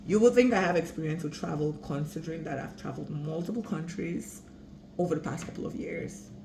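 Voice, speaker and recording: Young woman from Cameroon, travel vlogger, chatty and rambling, gravelly tone, echoey noisy room. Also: low voice, a little fast, warm tone. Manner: chatty, rambling, self-correcting. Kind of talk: casual travel tips vlog. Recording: echoey room with background noise.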